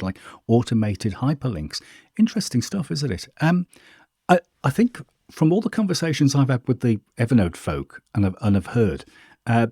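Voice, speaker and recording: A man hosting a casual question-and-answer video, chatting informally and thinking aloud while he demonstrates software. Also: lowish voice, no echo, studio quality. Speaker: host answering viewer questions. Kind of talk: casual screen-share walkthrough.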